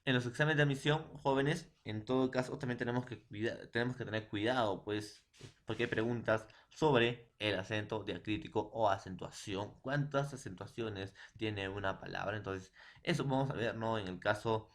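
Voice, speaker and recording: A man's voice: on the low side, moderate pace. A Peruvian man teaching a school lesson online, speaking to his students often and repeating lists in a chanting way. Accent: Peruvian Spanish. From Peru. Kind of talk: classroom lesson. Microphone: online class.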